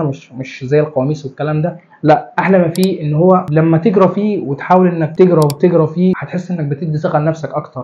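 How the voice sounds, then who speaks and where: Young Egyptian YouTuber, very fast and friendly, mellow tone, a bit lo-fi. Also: male voice, on the high side. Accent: Egyptian Arabic. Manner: rapid friendly address, calls the viewer "my friend". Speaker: YouTube English-learning creator. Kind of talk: casual advice talk to camera.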